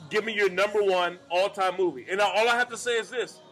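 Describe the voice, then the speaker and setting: Tipsy bar-show host, high bright voice, rowdy and profane. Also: male voice, quick pace, soft background music. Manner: boisterous, profane, insistent. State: drinking, tipsy. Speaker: podcast host. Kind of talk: casual bar chat.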